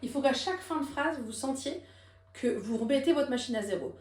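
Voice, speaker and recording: A woman teaching a singing lesson, explaining technique and demonstrating high belted lines. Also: animated, fairly quick, darkish tone, roomy sound. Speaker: vocal coach.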